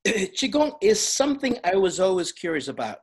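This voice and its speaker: A woman's voice: mid-range voice, sing-song, normal speed, darkish tone, breathy edge. A woman in her fifties hosting a vlog interview, chatty and self-deprecating, laughing often as she asks questions. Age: 50s. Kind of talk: casual interview chat.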